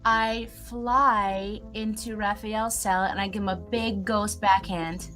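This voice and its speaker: A woman's voice: mid-range voice, steady tone, slow, over music. A woman chatting casually as a player in a tabletop game. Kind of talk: casual in-character chat.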